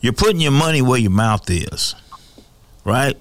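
A man hosting a radio call-in show, affirming callers and reading out the station's pledge number in a steady announcer manner. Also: mid-range voice, unhurried. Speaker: radio host.

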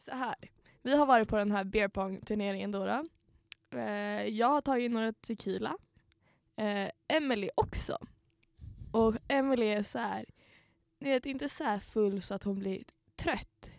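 A woman's voice: mid-range voice, vocal fry, no room sound, clean studio sound. A woman co-hosting a podcast, telling stories in casual chat and acting out what people said. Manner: lively storyteller, acts out what people said. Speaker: podcast co-host.

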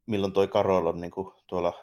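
A deep-voiced man co-hosting a podcast rambles casually about films alongside another host. His mellow voice shows little pitch movement, his phrasing is loose and colloquial, and the recording is muffled.

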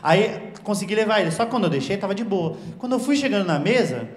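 Fast-talking man doing stand-up comedy. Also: high voice. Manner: animated storytelling, acts out dialogue, crude slang. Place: comedy stage with live audience. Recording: roomy live venue sound.

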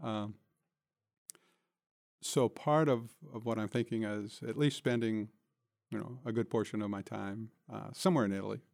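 With long pauses and a creaky, somewhat mellow voice on the low side, an older city manager near retirement answers interview questions as a studio guest. His tone is steady at a normal speed, his manner plain-spoken, reflective and conversational, and there's no echo.

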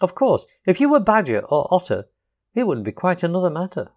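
A man's voice: high voice, huge pitch swings, fairly quick, darkish tone, voice pushed up. A man voicing a brave, good-natured male water rat who talks heartily and reassuringly.

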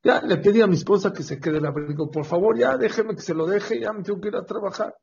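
A speaker with a Mexican accent voicing an elderly husband who earnestly pleads with a rabbi. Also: female voice, low voice, fast talker, darkish tone, husky. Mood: pleading. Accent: Mexican Spanish. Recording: dull lo-fi recording.

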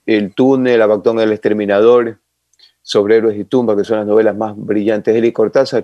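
An older man, telling long animated stories as an interview guest. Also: fairly low pitch, dry recording, dull audio. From Ecuador. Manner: animated, rambling reminiscence with sound effects. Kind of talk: casual storytelling interview.

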